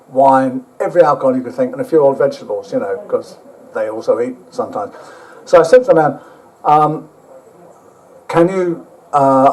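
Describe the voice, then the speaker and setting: A man's voice: medium pitch, darkish tone, low-quality recording. A man telling a rambling, self-mocking travel story to a live audience, with casual swearing. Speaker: speaker at an overland motorbike event.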